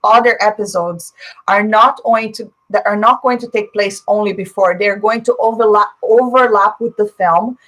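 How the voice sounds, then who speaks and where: This Brazilian host, a native Portuguese speaker, chats casually on her live stream and answers comments from viewers, full of opinions and frequent fillers. Her mid-range voice has a fairly bright tone, though the audio quality is poor.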